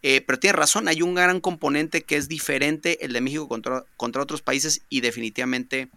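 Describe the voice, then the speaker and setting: Man, Mexican accent, podcast host, slightly high voice, clear and smooth. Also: steady tone, fairly quick, sharp tone, dry recording. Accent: Mexican Spanish. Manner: talkative, many fillers and restarts. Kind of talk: casual interview chat.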